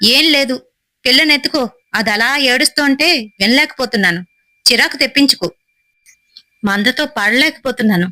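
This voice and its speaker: A woman's voice: sits high, brisk, sharp tone, dry recording, voice pushed up. A woman voicing an irritable, dismissive middle-aged mother-in-law who talks in a snappish, impatient way. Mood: irritated.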